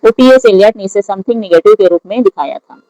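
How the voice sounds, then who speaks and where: Teacher solving exam questions, mid pitch, dry close mic, slow deliberate reading of questions. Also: dark tone, no echo, poor audio. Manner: reads English questions slowly, explains in Hindi.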